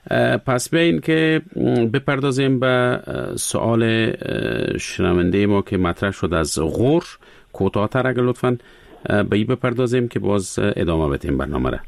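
Gravelly-voiced Afghan radio host. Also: male voice, on the low side, lively intonation, no room sound. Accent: Afghan Dari. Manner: measured, relays listener questions. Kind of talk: radio call-in moderation.

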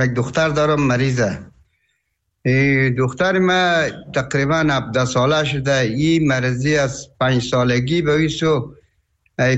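A man from Afghanistan with an Afghan Dari accent, a father calling a radio show, speaking in a worried, halting way. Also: mid-range voice, a bit bright, lo-fi sound. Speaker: caller, father.

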